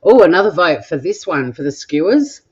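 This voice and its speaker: With a lowish, sing-song voice at normal speed, a middle-aged Australian woman hosts a cooking vlog stream from her kitchen at home. She reads viewer comments in a playful, chatty way and swears now and then, and the recording is dull and lo-fi.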